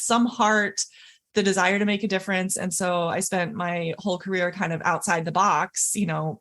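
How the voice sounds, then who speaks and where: A middle-aged woman speaks as a guest on a podcast and tells her story with lively energy. She laughs often and acts out the people she quotes. Her voice sits at an ordinary pitch for a woman.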